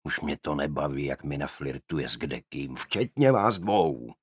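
A man's voice: very deep voice, expressive, breathy edge, no echo, studio quality, heavily acted. A man voicing a grumbling, complaining male detective in an audiobook. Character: grumbling male detective, moaning about women. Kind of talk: audiobook character voice.

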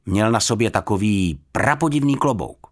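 A man playing an insistent, slightly flustered middle-aged husband in an audiobook, speaking slowly and deliberately. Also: fairly low pitch, lively intonation, natural voice.

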